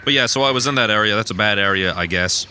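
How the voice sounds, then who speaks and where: A young man talks his way through a game in loose, rambling commentary, drifting into personal stories and breaking into sudden excited yelps. His voice sits a bit low but has a very bright, forward edge. A faint background hiss runs under the recording. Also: quick pace. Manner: rambling, chatty storytelling with bursts of loud excitement. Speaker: gaming streamer. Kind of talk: casual let's play commentary.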